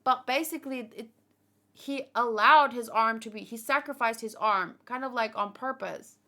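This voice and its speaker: A fairly high, bright voice with a forceful edge carries this tired streamer's casual chatter at a moderate pace. Hours into the broadcast, she thinks out loud to viewers, rambling through fan theories.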